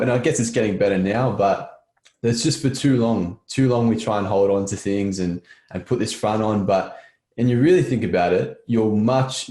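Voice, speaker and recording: A man's voice: lowish voice, warm tone. A man hosting a podcast interview, talking in an earnest, reflective way. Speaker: podcast host. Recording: roomy echo.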